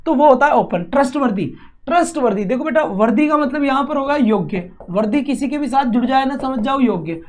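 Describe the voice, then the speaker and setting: A man's voice: very high-pitched, lively intonation, fairly quick. A man teaching a vocabulary lesson, asking and answering his own questions and scolding students teasingly. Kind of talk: classroom-style vocabulary lesson.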